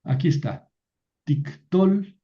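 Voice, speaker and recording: Male teacher, unhurried and hesitant, full of fillers; muffled lo-fi sound. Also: on the high side, animated. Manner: slow, hesitant explaining with many fillers and restarts. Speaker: biblical Hebrew teacher. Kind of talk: online class lecture.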